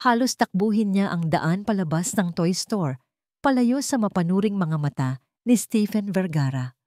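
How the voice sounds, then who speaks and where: A woman with a Filipino accent narrates a scripted romance story dramatically. Her voice is medium in pitch with lively intonation, a normal speed and a darkish tone. The recording is dry, with clean studio sound.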